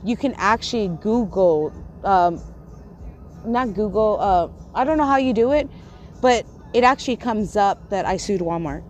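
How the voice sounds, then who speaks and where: Animated and unhurried, with a darkish, medium-pitched voice, a woman from Texas delivers an angry livestream rant to her chat. As a YouTuber who stutters and has a lisp, she swears, confronts viewers, and repeats and restarts her sentences.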